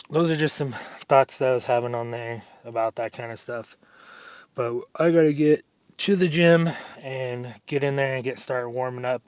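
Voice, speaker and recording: A man's voice: mid-range voice, no echo. A man talking casually to camera in a fitness vlog, rambling loosely and often tagging lines with "like" and "right?". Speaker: fitness vlogger.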